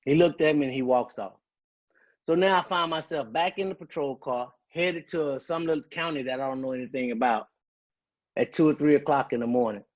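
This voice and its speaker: A man's voice: a little high, fairly quick, dull audio. A man giving an emotional personal testimony as a guest speaker, telling his story with earnest conviction. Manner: earnest, emotional, quotes dialogue.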